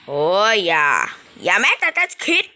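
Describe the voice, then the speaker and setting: A young woman giving playful, animated commentary while playing a mobile game, often squealing with excitement. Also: on the low side, normal speed. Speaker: gaming streamer.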